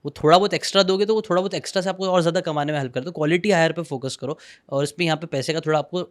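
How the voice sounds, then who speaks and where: Fast-talking young podcast host. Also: male voice, on the high side. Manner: fast, agreeing, mixes in English words. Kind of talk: casual interview chat.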